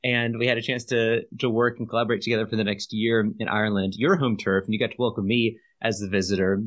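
A man's voice: fairly low pitch, level tone, fast talker. A man speaking conversationally as an interviewer, in articulate, orderly phrases.

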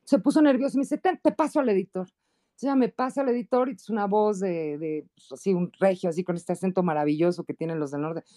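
Mellow-voiced Mexican woman telling stories. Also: fast talker. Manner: lively anecdotal, bursts into high quoted voices. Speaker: guest, columnist and author. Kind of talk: casual storytelling in a podcast chat.

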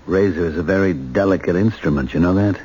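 An actor playing a vengeful man in a radio mystery, taunting his betrayer with deliberate menace. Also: deep voice, a little mellow, slightly rough. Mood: cold menace. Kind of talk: radio mystery drama acting. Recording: dull old radio broadcast.

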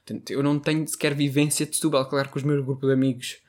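A man's voice: mid-range voice, flat delivery, racing, a little mellow. A young man from northern Portugal co-hosting a casual podcast chat, rambling and correcting himself as he goes. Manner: rambling, self-correcting, laughs often. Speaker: podcast co-host.

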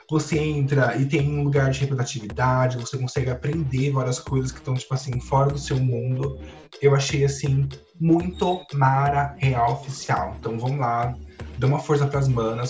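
A man's voice: mid-range voice, a little mellow. A Brazilian man chatting casually on a podcast panel in a campy, slangy manner. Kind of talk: casual chat. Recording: roomy echo, faint music behind.

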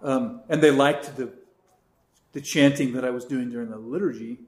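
A priest speaking at normal speed in a mid-range voice leads a casual catechism class, and the room gives his voice an echo. His teaching wanders, packed with fillers and restarts, and he occasionally breaks into a brief sung chant example.

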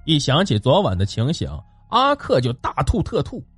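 A man telling a folk ghost story in animated, colloquial narration. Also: fairly high pitch, moderate pace, breathy edge, no echo. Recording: dry close recording, faint music.

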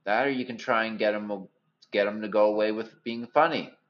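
A man with a gravelly smoker's voice giving a candid, theatrical, rambling personal monologue as a host, in a wordy way. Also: lowish voice, steady tone, brisk, lo-fi sound.

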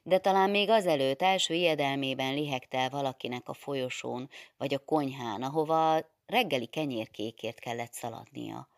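Low, gravelly woman reading a novel. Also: no echo, studio quality. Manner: measured, steady reading. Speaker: audiobook narrator. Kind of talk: literary audiobook narration.

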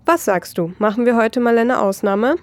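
A woman voicing a worried mother who speaks calmly to her daughter in an audio story. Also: on the high side, normal speed, no echo, natural voice. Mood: soothing. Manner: calm, soothing. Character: worried mother hiding her fear, gentle.

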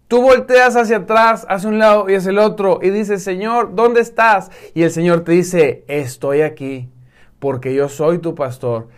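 Man, preacher, sermon, high voice, emphatic, repeats words, soft intense drops.

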